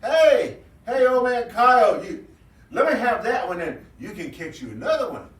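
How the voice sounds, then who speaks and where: Hungry trickster rabbit, male, high and whiny, loud and pleading; a man doing the voice; roomy, slightly distant sound. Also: sing-song, unhurried, heavily acted.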